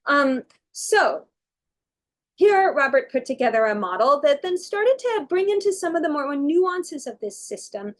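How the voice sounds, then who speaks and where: Woman giving an academic lecture. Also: sits high. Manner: explanatory, with frequent fillers and self-corrections. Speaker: university researcher giving a lecture. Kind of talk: academic conference talk.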